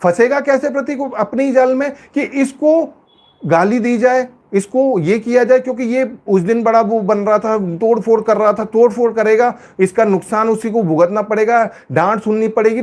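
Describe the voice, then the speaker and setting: A man with a very high voice talks through a reality show episode in a loose, casual way. He is emphatic and says his points again and again. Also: moderate pace, darkish tone. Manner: emphatic, repetitive, acts out quoted lines. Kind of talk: casual spoken show review.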